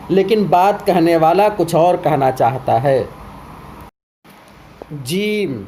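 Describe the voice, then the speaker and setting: High-voiced man teaching a lesson. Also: darkish tone, a little hiss or hum. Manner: explains step by step with spoken examples. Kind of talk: explanatory lesson.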